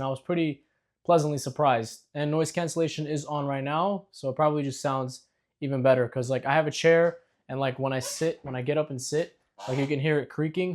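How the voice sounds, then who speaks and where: A man talking in an easy, chatty way, full of little fillers, as he tests a gadget. His voice comes through a clip-on mic with noise cancellation switched on, so the sound is cleaned up and a little processed. He is in an indoor room. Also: mid-range voice. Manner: chatty, loose, with many fillers. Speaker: tech product reviewer. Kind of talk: casual product-test vlog. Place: indoor room with a running fan. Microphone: clip-on wireless mic on the shirt.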